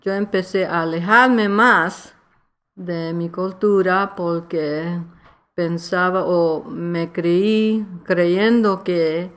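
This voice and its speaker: A Nuyorican woman from New York, an author being interviewed, speaks slowly and haltingly in Spanish, searching for words and slipping into English in a reflective, casual Spanglish conversation. Her voice is lowish, fairly even in intonation and a bit bright, with a New York Puerto Rican accent.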